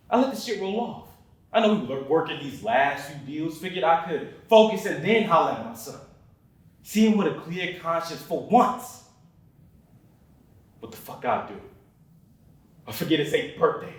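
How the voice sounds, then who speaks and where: A man's voice: fairly high pitch, natural voice. A young man acting a monologue as a separated father full of regret, confessing in a brooding, profane way. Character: remorseful separated father who missed son's birthday. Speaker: student actor. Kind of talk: dramatic monologue. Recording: very echoey room, mic far off.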